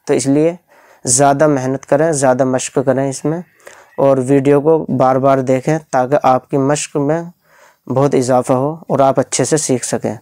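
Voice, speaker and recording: A man teaching beginners to read the Quran with tajweed, stretching out each letter name slowly and explaining patiently step by step. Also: mid-range voice, fairly even intonation, mellow, dry recording, clean studio sound.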